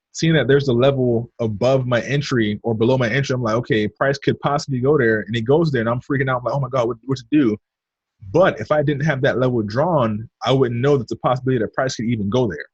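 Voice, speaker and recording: A man leads a casual trading lesson over a screen share and keeps calling his viewers "you guys" as he explains. His voice is a little husky and sits at an ordinary pitch. The recording sounds dull and dry, like a basic computer mic at a desk. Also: brisk, no echo. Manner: chatty, addresses viewers as "you guys", talks to himself while drawing. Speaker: trading instructor.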